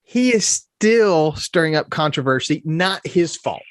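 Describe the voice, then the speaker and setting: Casting: male podcast co-host, slightly high voice, dry close mic, chatty. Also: lively intonation, measured pace, no echo. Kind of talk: casual sports podcast chat.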